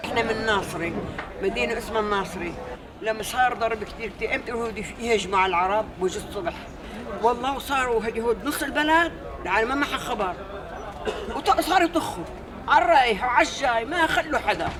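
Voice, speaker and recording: An older man from Palestine, telling his memories in a documentary in rapid, repetitive storytelling. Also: very high voice. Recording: film clip with crowd noise.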